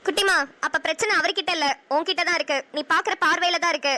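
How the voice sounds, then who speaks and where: A woman voicing a gentle, lovestruck young elder sister in a cartoon, soft and coaxing, with a Namakkal Tamil accent. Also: very high voice, quick pace. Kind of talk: cartoon voice acting.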